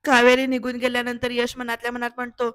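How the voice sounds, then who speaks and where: A woman's voice: fairly high pitch, monotone, quick pace, fairly bright tone, no echo. A woman narrating a casual voice-over recap of a TV serial, talking straight to her viewers in a chatty way. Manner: addresses viewers directly, chatty. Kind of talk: casual voice-over episode retelling.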